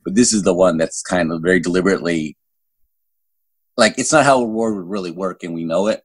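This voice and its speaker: A middle-aged guest novelist, speaking a little fast in a deep, husky voice, chats casually in an interview from a room at home, rambling and repeatedly restarting sentences mid-thought. He's on a video call with the phone held at arm's length, and there's no room sound.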